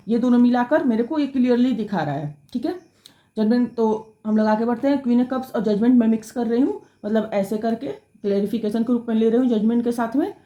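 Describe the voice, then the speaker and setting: Fast-talking woman reading tarot cards. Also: on the high side, mellow, roomy sound, lo-fi sound. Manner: rapid, self-correcting, addresses viewers directly. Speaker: tarot reader.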